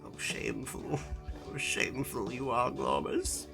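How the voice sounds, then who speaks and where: A woman's voice: extremely low pitch, sing-song, a little slow, gravelly, music in the background, pitched below the performer's own voice, exaggerated voice. A woman voicing an alien shopkeeper who fakes being human, speaking in a stilted, overly formal way with musing hums. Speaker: streamer playing a shop game.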